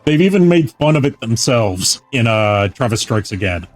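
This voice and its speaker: A man giving casual, rambling gameplay commentary as a streamer, often pausing mid-thought. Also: mid-range voice, very animated. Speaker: video game streamer. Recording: game music behind the voice. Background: video game music.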